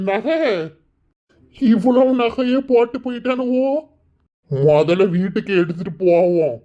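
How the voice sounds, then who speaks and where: A man's voice: sits high, a little mellow, muffled recording. A man voicing a boastful old village man with a Kanyakumari Tamil accent, drawling and half singing his lines in a cartoon. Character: boastful old village man, self-styled local king. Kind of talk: cartoon voice acting.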